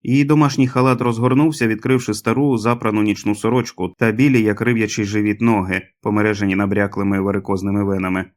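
A man reading an audiobook aloud as the narrator, in a measured, dramatic manner. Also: fairly low pitch, flat delivery. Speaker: audiobook reader.

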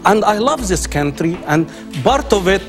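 A man's voice: sits high, sing-song, normal speed, music in the background. A man in his forties from Egypt with an Egyptian accent, speaking earnest, broken English as a guest on a studio talk show. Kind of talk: passionate talk show discussion. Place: TV studio with live audience. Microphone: lapel.

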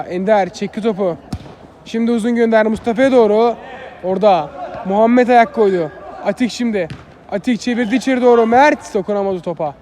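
Male live football commentator, notably high voice, clipped phrases with repeated player names. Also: a little mellow. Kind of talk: live play-by-play commentary of an amateur match.

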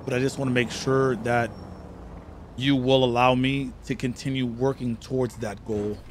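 Tipsy, halting man over background noise. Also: medium pitch, level tone. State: drunk. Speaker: streamer playing a role-play character. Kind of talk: improvised in-character role-play chat. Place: indoor streaming room. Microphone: boom-arm studio microphone.

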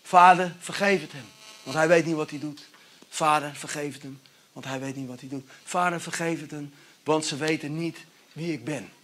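A man preaching a sermon speaks as a calm, forgiving Jesus in a quiet, earnest tone. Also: on the high side, moderate pace, slight background noise, natural voice. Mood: gentle.

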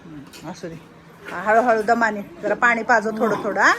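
A woman caretaker at an old-age home, calming the residents in casual talk. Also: medium pitch, normal speed, crowd noise. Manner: soothing, calms residents.

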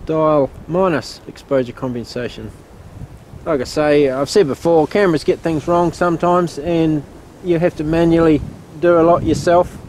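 A middle-aged New man talks through his camera settings in a relaxed, plain-spoken way, his voice sitting a touch high. He is recorded outdoors on an on-camera mic, with wind buffeting clearly behind him. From New Zealand. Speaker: photographer vlogger. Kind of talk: casual vlog narration. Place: outdoors by a lake and canals, windy. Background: wind noise.

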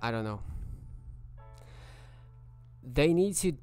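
A man's voice: medium pitch, lively intonation, takes it slowly, a little mellow, soft background music. A man streaming a video game live, chatting casually and greeting viewers by name.

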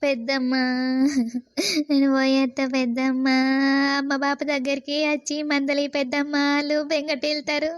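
A woman's voice: high-pitched, monotone, normal speed, no echo, lightly acted. A woman voicing a tearful young bride in a cartoon, speaking with a Telangana accent and a pleading tone. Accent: Telangana Telugu. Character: tearful young bride leaving her parents' home. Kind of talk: cartoon voice acting.

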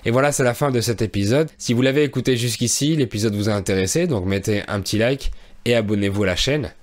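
A Frenchman in his thirties, a teacher and podcast host, tells a travel story for language learners, speaking clearly and in a measured way with soft fillers and a medium pitch. He's recorded close on a boom-arm studio microphone in a small room.

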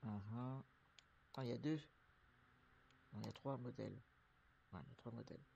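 A man with the flu gives casual commentary as he buys a truck in a trucking game, rambling with many fillers and restarts for his viewers. He talks a little fast in a warm, creaky, medium-pitched voice. The audio has its highs cut off and a little hiss or hum.

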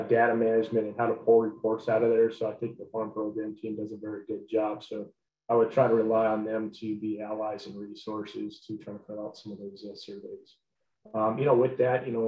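A man in his thirties on a headset mic, giving measured webinar panel answers full of "you know"s. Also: lowish voice. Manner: measured, filler-heavy with many "you know"s. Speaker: guest panelist, former dairy co-op staffer. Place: small home office. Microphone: headset mic on a video call. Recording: roomy, dull-toned video call audio.

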